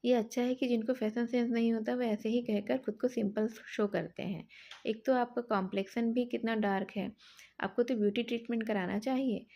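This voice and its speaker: A woman voicing a spoiled, sharp-tongued young woman. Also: a little high, fairly even intonation, moderate pace, creaky. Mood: mocking. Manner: scornful, loud and whiny.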